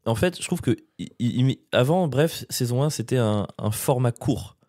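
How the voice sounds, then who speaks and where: A man's voice: medium pitch, animated, moderate pace, a little mellow, no echo, studio quality. A man co-hosting a podcast from France, chatting in a slangy, rambling, self-mocking way. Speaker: podcast co-host. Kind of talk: casual chat.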